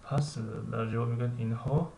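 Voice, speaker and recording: A man with a Tajik accent teaching English, reading English lines slowly and explaining them with frequent hesitations. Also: medium pitch, fairly even intonation, a little mellow. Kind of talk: recorded language lesson. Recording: echoey room with faint ambient noise.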